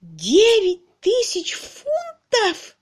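A woman voicing a fussy, panicky spinster who squeals in a very high voice. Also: wildly swooping pitch, very slow, exaggerated voice. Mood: shrieking.

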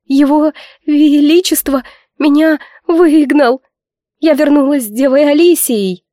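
Tearful young noble girl, high and pleading, played by a woman narrator, dry close sound. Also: moderate pace, a little mellow, dry recording, natural voice. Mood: sobbing. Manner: sobbing, pleading, high-pitched. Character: weepy young noblewoman cousin, heartbroken. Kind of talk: audiobook character voice.

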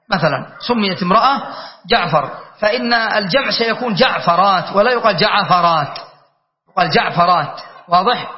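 A man teaching a classroom grammar lesson as a sheikh, explaining patiently, repeating words and often checking that listeners follow. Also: high voice. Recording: dull lo-fi lesson recording.

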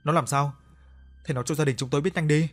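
A man voicing a grieving older father who shouts abruptly in an audio story. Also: medium pitch, steady tone, fast, faint music behind, natural voice. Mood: urgent.

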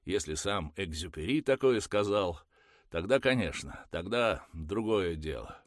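A man's voice: low voice, lively intonation, measured pace, dry recording, studio quality, voice pushed up. Man reading as a desperate, mocking young man. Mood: sarcastic. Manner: loud, emphatic, sarcastic. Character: desperate, hurt young man, quick to mock.

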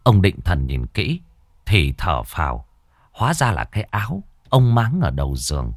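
A man telling a ghost story in a lively, dramatic way. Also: low-pitched, normal speed, dry recording.

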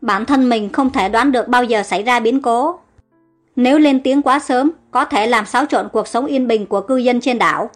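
A woman narrating an audiobook story in a steady, plain reading manner. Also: fairly high pitch, normal speed, faint music behind.

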